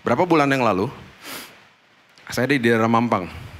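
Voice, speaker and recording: A middle-aged man, a pastor preaching a storytelling sermon and acting out the dialogue with big swings in pitch. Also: lively intonation, moderate pace, fairly bright tone.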